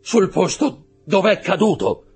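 A man's voice: on the low side, normal speed, warm tone, slightly rough, voice pushed up. A man voicing a frightened male steward who pleads and cries out in panic, read over faint music. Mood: desperate. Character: anxious, terrified male steward with a guilty secret.

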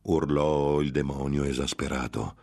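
A man's voice: rumbling low, flat delivery, measured pace, creaky, darkish tone. A man narrating a gothic tale in a grave, dramatic audiobook reading.

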